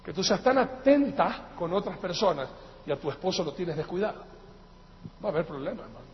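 A male pastor with a Latin American Spanish accent, preaching emphatically, swinging from loud outbursts to quiet asides and calling his listeners brothers. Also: sits high, expressive, a little fast. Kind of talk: sermon. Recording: echoey hall, dull lo-fi sound, faint noise.

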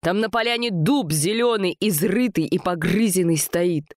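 A woman's voice: fairly low pitch, moderate pace, darkish tone, dry recording, clean studio sound, close to an everyday voice. A woman voicing an irate male forest official who roars and blusters. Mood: furious. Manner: roaring, blustering.

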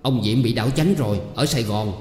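A man's voice: medium pitch, a little fast, darkish tone, natural voice. Brief: a man playing a firm, reassuring young village leader, long echoey reverb. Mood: urgent.

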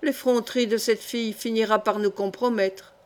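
A woman's voice: on the high side, fairly even intonation, moderate pace, lightly acted. A woman voicing a spiteful young lady who talks in a sententious, sour way. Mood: scornful.

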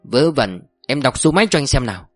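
A man's voice: medium pitch, very animated, fairly quick, a bit bright, dry recording, faint music behind. Man reading a nervous henpecked husband, subdued and uneasy.

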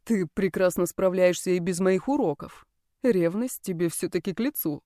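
A woman voicing a calm, protective young man who speaks softly and teases playfully in an audiobook. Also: moderate pace, dry recording, studio quality, natural voice. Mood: teasing. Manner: soft, low-key, playful. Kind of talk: audiobook character voice.

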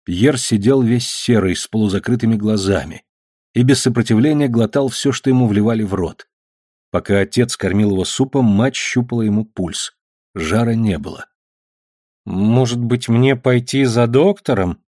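A male audiobook narrator reading a novel in a steady, measured way. His voice is husky and mid-pitched, recorded close with a dry, dead sound. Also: no room sound.

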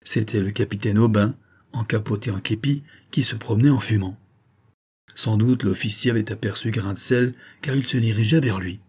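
A man reading a novel aloud as audiobook narration in a steady, measured way. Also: lowish voice, husky. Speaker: audiobook reader.

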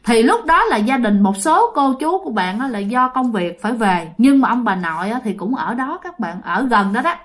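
High-voiced Southern Vietnamese woman storyteller. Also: normal speed, hardly any pauses. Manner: lively, addresses listeners directly. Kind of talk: ghost story narration to listeners.

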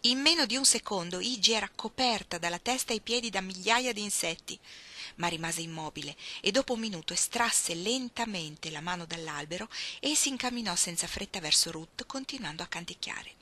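A woman reading a novel aloud with steady, expressive storytelling. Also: mid-range voice, brisk. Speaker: reader. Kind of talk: audiobook reading.

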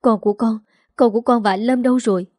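A frantic young bride pleads through tears, her questions tumbling out a little higher than the storyteller's usual voice, as a woman narrator puts her on. The tone stays mellow and dark, and the recording is dry and close. This is a spoken storybook reading. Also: steady tone, fast talker, dry recording, lightly acted. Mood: distraught. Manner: tearful, breathless questions.

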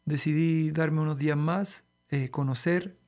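A man from Santiago with a Chilean accent, a guest in a radio studio interview, explaining calmly and steadily. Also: on the high side, unhurried, soft background music. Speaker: guest theatre artist.

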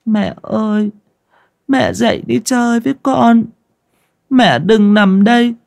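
Storybook: small weeping boy, very high, slow and tearful. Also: creaky, a little mellow. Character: small weeping boy calling his mother.

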